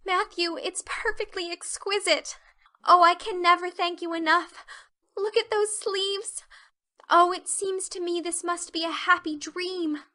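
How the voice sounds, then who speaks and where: A woman voicing an excitable, dreamy young girl in an audiobook, gushing with rapture. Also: extremely high pitch, measured pace, voice pushed up, heavily acted. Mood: awed, grateful. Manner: gushing, effusive, breathless exclamations. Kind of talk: audiobook character acting.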